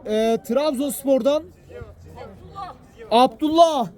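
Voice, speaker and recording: Male football commentator, very high voice, excited and exclamatory, repetitive calls, crowd noise at an outdoor pitch. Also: takes it slowly, soft background music. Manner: exclamatory, repeats phrases and names. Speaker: match commentator. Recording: loud crowd behind, outdoor match. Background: cheering crowd at an outdoor pitch.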